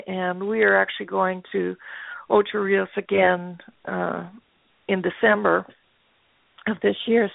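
A woman's voice: mid-range voice, creaky, no room sound. An older woman, a guest artist, telling stories in a chatty, anecdotal way with plenty of fillers. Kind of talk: casual interview storytelling. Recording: tinny phone-line audio.

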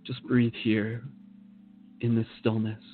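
Low-voiced man guiding a meditation. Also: completely flat delivery, narrow, tinny audio, over music. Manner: slow, soothing, second-person guidance. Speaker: meditation guide. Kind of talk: guided meditation.

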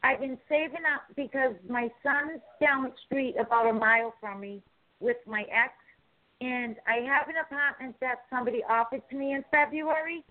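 A woman caller on a muffled, distant phone line, talking quietly and hesitantly. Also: on the high side. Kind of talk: call-in chat.

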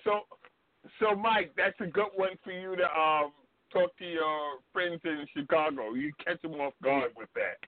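A man's voice: on the high side, measured pace, dry recording, phone-quality sound. A man chatting and explaining casually as a show panelist, repeating phrases for emphasis. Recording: band-limited line with clear noise.

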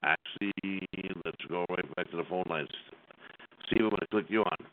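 Low-voiced man on a glitchy breaking-up call. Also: normal speed. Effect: buzzy, glitchy, breaking-up phone call audio. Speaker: call-in show host. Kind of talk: casual call-in show hosting. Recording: tinny, crackly conference phone line.

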